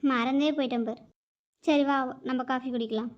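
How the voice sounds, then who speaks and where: A woman's voice: high voice, fairly even intonation, moderate pace, a little mellow, close to an everyday voice. A woman voicing a stern, proud old grandmother in a cartoon who defends her family in a firm, scolding way. The recording is dull and lo-fi. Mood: calm. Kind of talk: animated cartoon dialogue. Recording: dull lo-fi audio.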